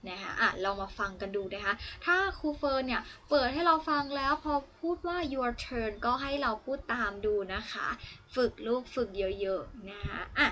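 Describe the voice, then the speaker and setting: A woman's voice: a little high, lively intonation, normal speed, few pauses. A young woman from Thailand, a student teacher, giving a chatty, encouraging online English lesson to young children. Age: young adult. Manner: chatty, coaxing, encouraging, with warm asides to the children.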